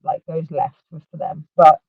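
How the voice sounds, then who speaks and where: A woman's voice: sits low, flat delivery, normal speed, dry recording. Woman on a muffled fishbowl-like headset line. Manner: chatty, hesitant, filler-heavy. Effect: muffled, hollow sound like talking inside a fishbowl. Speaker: co-host on a panel. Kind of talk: casual chat on a video call. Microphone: headset mic on a call.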